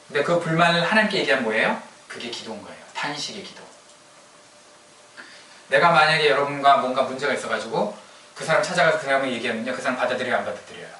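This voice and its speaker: A man's voice: medium pitch, pushed and bright, roomy sound, distant mic, slight background noise, rough recording. A male pastor giving a conversational sermon, often asking the congregation questions and acting out prayers. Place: church sanctuary.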